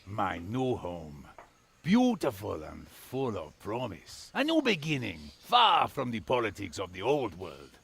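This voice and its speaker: An actor playing a cocky new colonial governor in a theatrical, gravelly game monologue. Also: male voice, fairly low pitch, wildly swooping pitch, measured pace, a bit bright, exaggerated voice. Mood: dreamy, hopeful. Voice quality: gravelly, husky. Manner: theatrical, self-assured. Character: cocky, weary newly appointed colonial island governor. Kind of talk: video game intro monologue.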